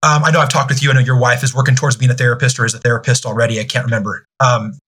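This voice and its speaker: A man in his thirties, a youth ministry director, speaking candidly as a podcast guest, pausing and restarting often. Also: mid-range voice, level tone, a bit bright, slightly rough. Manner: halting, many restarts and fillers.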